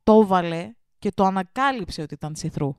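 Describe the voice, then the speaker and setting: A woman co-hosts a casual podcast, reading listener stories with animated, lively delivery. Her voice sits at an ordinary middle pitch. The recording is dry, with no room echo. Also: clean tone. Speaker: podcast co-host.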